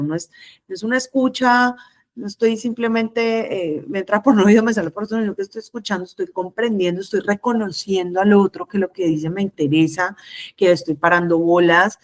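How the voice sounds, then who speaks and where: A middle-aged woman, teaching a lecture to trainee conciliators in a measured, explanatory way, listing points one by one. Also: mid-range voice.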